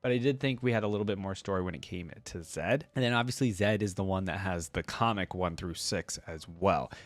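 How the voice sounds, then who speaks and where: This gaming reaction host has a low voice and a brisk pace, recorded without echo. His commentary to viewers is casual and informal, a rambling stream of thinking aloud.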